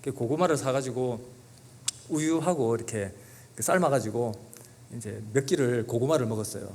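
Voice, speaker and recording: A man's voice: mid-range voice, moderate pace, a little mellow. A middle-aged man, a guest pastor, tells a personal story in a church sermon in an earnest, emotional way. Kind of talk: sermon testimony. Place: church sanctuary.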